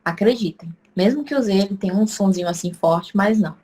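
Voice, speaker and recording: Female teacher for a recorded online class, mid pitch, walks through examples, punches out syllables. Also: a little fast, breathy edge. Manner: explains step by step, answers her own questions; stresses syllables loudly to demonstrate. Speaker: Portuguese language teacher.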